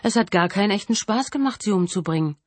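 A woman's voice: mid-range voice, animated, fast talker, no echo, close to an everyday voice. A woman reading an audiobook, voicing a callous male killer who taunts casually and cruelly. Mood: gloating.

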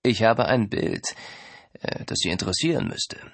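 A man's voice: lowish voice, animated, normal speed, gravelly, a bit bright, no echo, exaggerated voice. A man doing a stiff fake French agent. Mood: stiffly formal. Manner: stiff, over-careful, formal. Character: Mitch posing as a French art agent with a forced accent.

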